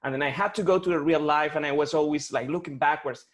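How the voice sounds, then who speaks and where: A man in his forties from Colombia with a Colombian Spanish accent, talking haltingly with many restarts as a client in a one-on-one coaching session over a video call. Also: on the high side, a bit bright. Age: 40s.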